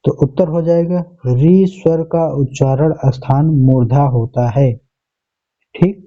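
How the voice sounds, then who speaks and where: Dude teaching an exam walkthrough, repeats the answers, muffled lo-fi sound. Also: male voice, on the high side, slow pace. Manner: explains step by step, repeats answers, checks with "ठीक है". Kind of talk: exam paper walkthrough lesson. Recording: dull lo-fi recording.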